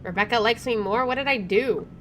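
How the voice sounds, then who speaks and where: Game music plays behind a female let's player who reads the narration out loud and throws in casual, reactive remarks. She speaks briskly in a slightly high voice.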